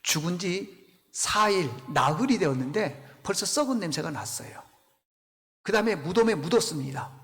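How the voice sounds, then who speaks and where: A man's voice: sits high, expressive, moderate pace, fairly bright tone. A male pastor preaching a sermon, telling the story with animation and asking his congregation questions. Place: church sanctuary. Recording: long reverb in church hall.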